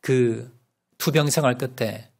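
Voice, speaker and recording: A man preaching a sermon as pastor, telling a story with rhetorical questions and sudden loud rises and soft drops. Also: medium pitch, takes it slowly, vocal fry. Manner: asks the congregation rhetorical questions.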